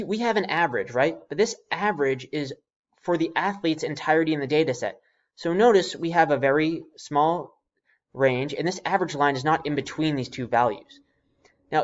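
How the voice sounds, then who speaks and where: A man giving a casual step-by-step software tutorial, spelling out formulas symbol by symbol as if dictating. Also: on the high side. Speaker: spreadsheet tutorial instructor. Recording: slightly dull, lo-fi voice-over.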